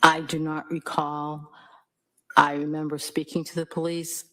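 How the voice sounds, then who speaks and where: A woman's voice: low voice, little pitch movement, measured pace, a bit bright. Hesitant woman witness on the stand. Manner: hesitant, careful answers. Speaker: trial witness. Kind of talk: courtroom testimony. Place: courtroom.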